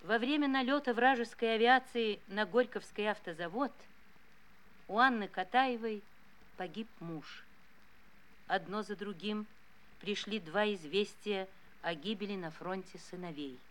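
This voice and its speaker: A woman narrating a scripted documentary gravely and expressively, letting phrases sink softly at the end. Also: mid-range voice, unhurried, low-quality recording.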